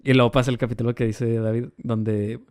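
A man's voice: mid-range voice, a little fast, a crowd in the background. A man with a Mexican Spanish accent, a podcast guest retelling stories in casual chat and acting out quotes. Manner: animated storyteller, acts out quotes.

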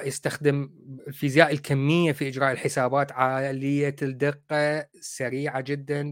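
A man's voice: medium pitch, dry recording, clean studio sound. A man with an Iraqi accent hosting a livestream, rebutting clips in a sarcastic, mocking way. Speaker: host. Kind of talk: livestream commentary.

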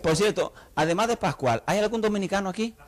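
A male pastor, preaching a humorous, animated sermon in church and throwing rhetorical questions at the congregation. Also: sits high, fast talker.

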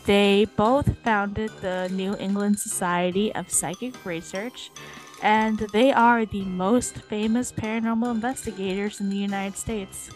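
A woman's voice: medium pitch, fairly even intonation, measured pace, soft background music. A young woman co-hosting a paranormal podcast, telling a story in casual chat with fillers and swearing. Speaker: podcast co-host.

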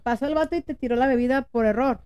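A young woman with a Mexican Spanish accent, co-hosting a podcast, telling stories in lively, slangy casual chat. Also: high-pitched, fast, clean tone. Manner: lively storyteller, slangy and animated. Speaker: podcast co-host.

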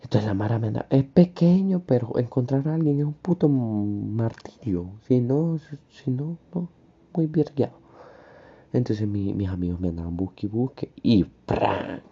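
A young man with a Honduran accent telling a personal story in a casual, slangy, animated way. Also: mid-range voice, normal speed, creaky, slightly rough. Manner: animated, slangy, acts out his own crying. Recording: dull lo-fi recording, faint music.

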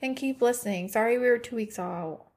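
A woman's voice: a little high, a little fast, darkish tone. Young female co-host, playful and giggly, chatty everyday voice. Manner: giggly, playful, often laughing. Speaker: podcast co-host. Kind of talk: casual chat.

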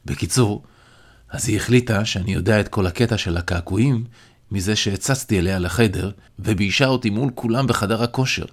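A man narrating a novel aloud in the first person, in a measured, reflective way. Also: lowish voice. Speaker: audiobook narrator.

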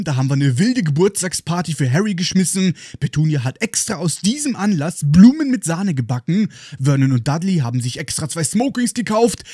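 A man with a German accent hosts a book podcast, retelling chapters in an ironic, playful way. His voice sits a little high and moves lively up and down. The sound is close and dry. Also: husky, dry recording. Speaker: podcast host.

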